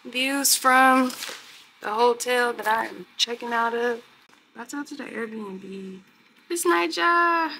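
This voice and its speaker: A young woman vlogging casually to her viewers from a hotel room and balcony, chatty and animated, filmed on a phone held at arm's length. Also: a little high, slow pace, creaky, slight background noise. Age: young adult. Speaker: travel vlogger. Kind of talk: casual vlog to camera. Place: hotel room and balcony at night, outdoors by a city street. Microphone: handheld phone camera at arm's length.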